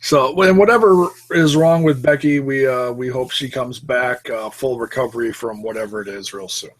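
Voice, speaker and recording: A man's voice: mid-range voice, moderate pace. A married man co-hosting a wrestling podcast, telling stories in a laid-back way and laughing easily. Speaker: podcast co-host. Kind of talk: casual wrestling podcast chat.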